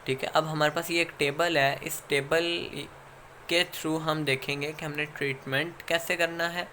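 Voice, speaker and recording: Man, Pakistani accent, lecture, slightly high pitch, step-by-step explaining, faint hiss. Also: level tone, sharp tone. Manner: explains step by step, many fillers, checks in with "okay" often. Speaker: instructor. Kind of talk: recorded lecture.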